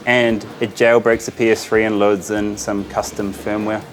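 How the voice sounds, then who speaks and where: Though his delivery is flat, with a lowish voice at normal speed, this New Zealand vlogger is enthusiastic and chatty. He hosts casual on-location commentary from small game shops in a Pakistani market, adding Urdu greetings and interjections.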